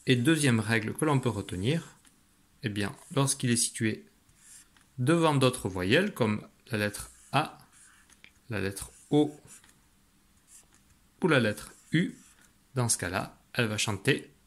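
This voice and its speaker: Patient man teaching phonics to children. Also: mid-range voice. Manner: patient, slow, spells out letters and sounds; encouraging, praises the listener. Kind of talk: phonics lesson for young children.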